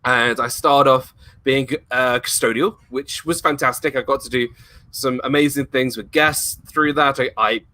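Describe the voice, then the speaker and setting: This man, a YouTuber and former theme park employee, is being interviewed on a laid-back livestream. His medium-pitched voice is pushed and bright, fairly even in intonation, at a moderate pace, as he rambles eagerly with lots of laughter.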